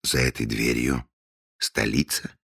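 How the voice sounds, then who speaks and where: Brief: man playing a reserved skeptical detective, deep gravelly tone, muted delivery. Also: flat delivery, a little slow, heavily acted. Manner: quiet, doubting, understated. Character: skeptical, composed gentleman detective, dry and restrained.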